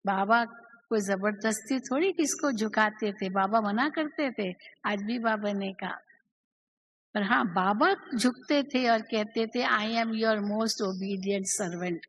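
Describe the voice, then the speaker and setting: A woman's voice: medium pitch, slow pace, fairly bright tone, slight background noise, low-quality recording. A woman teaching a spiritual class, asking her listeners many questions and acting out the quoted speech.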